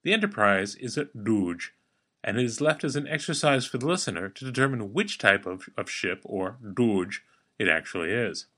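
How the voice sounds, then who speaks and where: A man hosts a scripted language lesson with an animated, swooping delivery. His tone is playful and wry, full of dry asides to the listener. When he models a sound, he slows right down and speaks carefully. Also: on the low side. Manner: slows down to spell out and model pronunciation. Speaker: podcast host teaching a language.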